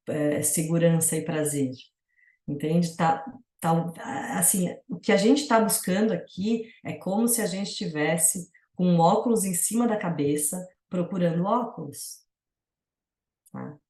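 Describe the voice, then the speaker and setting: A woman's voice: fairly low pitch, darkish tone, roomy sound. Brazilian woman giving a reflective talk. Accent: Brazilian Portuguese. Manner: casual and reflective, many fillers like "né?". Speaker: yoga teacher. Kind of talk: teaching satsanga talk.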